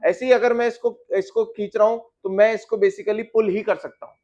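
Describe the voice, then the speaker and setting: A man's voice: high voice, fairly even intonation, normal speed, a little mellow, lo-fi sound. A male physics teacher giving a classroom lecture, often asking his students questions and calling them "beta".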